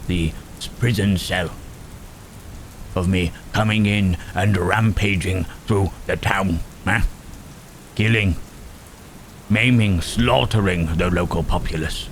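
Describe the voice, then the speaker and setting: In an ASMR roleplay, a man voices a brooding, protective monster, speaking very low, slow and halting. His wording is formal, old-fashioned, thoughtful and gentle. Rain and thunder are clearly audible, and the low-quality recording has a little hiss or hum.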